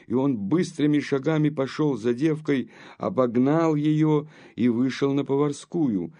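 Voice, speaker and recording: Slow, gravelly male narrator. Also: medium pitch, warm tone. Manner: slow, measured storytelling. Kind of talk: audiobook narration of a classic novel.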